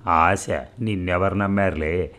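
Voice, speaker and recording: A man voicing a mischievous, teasing young woman in a spoken novel, read in his own deep voice. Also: steady tone, measured pace, a bit bright.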